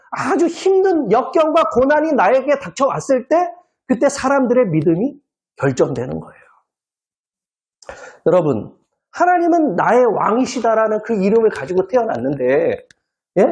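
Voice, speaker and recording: A male pastor mid-sermon in a church service, his pitch swinging widely as he teases the pews with little jokes. He keeps firing questions at the listeners and nudging them for answers with a quick "eh?". His delivery sounds lively and conversational rather than solemn. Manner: quizzes the congregation with constant "eh?" prompts; jokey, playful wordplay.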